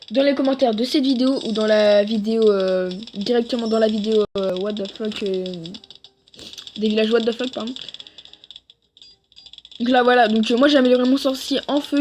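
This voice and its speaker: A woman talks through her own gameplay in a loose, rambling commentary, stopping often to correct herself. Her voice sits a little on the high side, with a faint hiss of noise behind it. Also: darkish tone. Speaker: gaming video creator.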